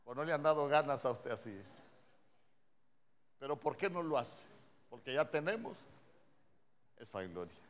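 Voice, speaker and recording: A man's voice: medium pitch, animated, a little slow, long pauses. A male preacher with a Honduran accent, giving a conversational sermon and often asking his congregation questions. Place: church.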